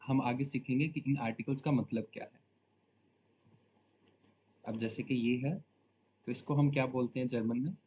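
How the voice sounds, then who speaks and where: Man slowly repeating words. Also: mid-range voice, a little mellow, a little hiss or hum. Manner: slow, deliberate repetition of each word. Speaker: German language teacher. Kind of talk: Hindi-language lesson teaching German vocabulary.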